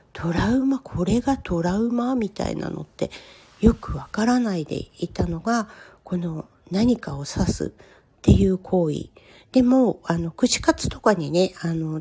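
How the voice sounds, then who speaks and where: Woman, 50s, solo podcast host; mellow, slightly breathy voice with a gentle, confiding delivery. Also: lowish voice. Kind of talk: solo personal podcast talk.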